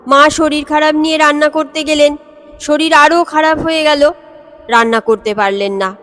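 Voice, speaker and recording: Woman storyteller, high voice, scripted narration, steady pacing, long reverb. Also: moderate pace.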